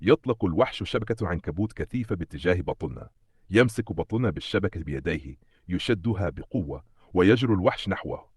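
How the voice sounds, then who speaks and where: A man giving a steady, dramatic scripted narration that recaps a comic story. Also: deep voice, fairly quick, breathy edge, dry recording, clean studio sound.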